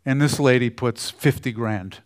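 A man preaching a sermon in a conversational way, often trailing off softly at the ends of phrases. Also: mid-range voice, measured pace. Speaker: pastor.

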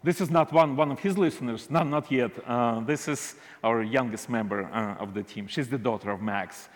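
A man with an Eastern European accent giving a halting, deliberate church testimony as a visiting minister. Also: medium pitch. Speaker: visiting minister speaking to a congregation. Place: large indoor church hall. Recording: reverberant hall.

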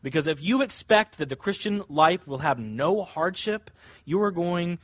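High-voiced male preacher, emphatic and deliberate. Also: lively intonation, fairly bright tone, slightly rough, no room sound, muffled recording. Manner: emphatic, deliberate, with stressed key words. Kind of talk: expository sermon, teaching verse by verse.

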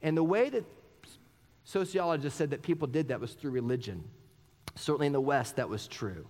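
Lively earnest male preacher in a reverberant church. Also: on the high side, brisk. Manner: earnest, personal, many rhetorical questions. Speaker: pastor. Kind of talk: sermon. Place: church sanctuary. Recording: long church hall reverb.

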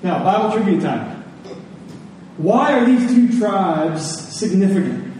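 Slow and a little mellow, this high-pitched man preaches with lively intonation, using rhetorical questions and repeated phrases for emphasis. The sound is very echoey and distant, with faint noise in the background.

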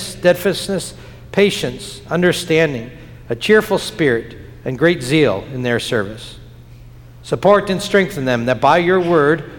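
Male pastor, fairly high voice, solemn chanted prayer cadence, long cathedral echo in a big chapel. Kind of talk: liturgical prayer. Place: large church chapel. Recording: long church reverb.

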